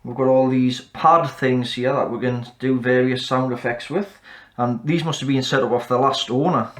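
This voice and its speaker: A man hosting a repair channel, calmly walking through a fix in a casual, matter-of-fact way and counting off mic checks. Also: medium pitch, normal speed.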